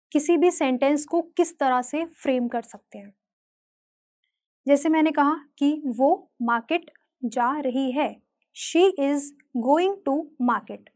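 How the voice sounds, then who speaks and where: A young woman with an Indian accent teaching a spoken English lesson, saying English words slowly and spelling them out letter by letter. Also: high voice, darkish tone.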